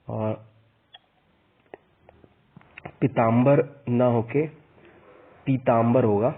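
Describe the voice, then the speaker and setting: A man teaching a spelling lesson for an exam, slowly spelling out each vowel sign and repeating the corrections. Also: mid-range voice, slightly rough. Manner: slow and repetitive, spelling out vowel signs. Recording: tinny phone-like sound.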